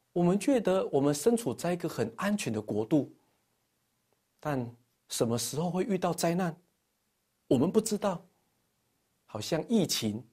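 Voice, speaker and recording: A man preaching a sermon as pastor, telling stories with emphatic peaks and soft, dropping phrase endings. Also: husky. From Taiwan. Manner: animated storytelling, swinging between emphatic highs and soft low phrase endings.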